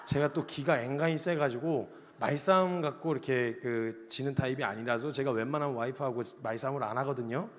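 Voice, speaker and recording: A man in his thirties preaching with humor, animated and acting out the arguments he describes. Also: mid-range voice, fairly quick, few pauses, long reverb tail. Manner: animated, acts out quoted arguments. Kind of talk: humorous sermon storytelling.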